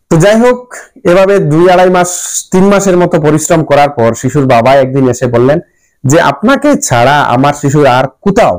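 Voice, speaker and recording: A man's fairly high voice with a Bangladeshi Bengali accent, speaking as a teacher who earnestly walks through his work with a pupil and circles back over his phrases. The sound is close and dry, with no room behind it. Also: a little mellow, dry recording, poor audio. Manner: earnest, explanatory, repeats phrases as he goes. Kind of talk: spoken account to camera.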